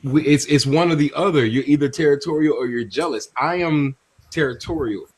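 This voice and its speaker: A man's voice: a little high, brisk, noisy background. A man hosting a casual group chat over a video call, slangy and playful, laughing often as he pushes back. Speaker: live stream host.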